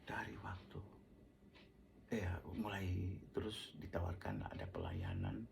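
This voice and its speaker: Gravelly man telling his testimony. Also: deep voice, huge pitch swings, measured pace, noisy background. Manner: often drops to a near whisper; acts out quoted dialogue. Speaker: preacher giving a testimony. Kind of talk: personal testimony storytelling.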